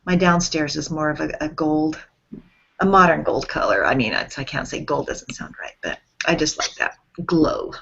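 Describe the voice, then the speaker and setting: A woman's voice: low voice, moderate pace, gravelly, fairly bright tone, husky. A woman from Central Washington talking thoughtfully in a casual group discussion. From Central Washington, USA. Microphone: video call. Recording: dull lo-fi video call audio.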